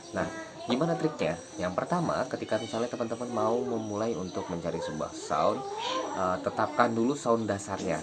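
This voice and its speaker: A man giving a relaxed, casual guitar tutorial, explaining step by step with fillers, recorded outdoors in a village. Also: deep voice, noisy background. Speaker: guitar teacher. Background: crickets and insects, a passing motorbike.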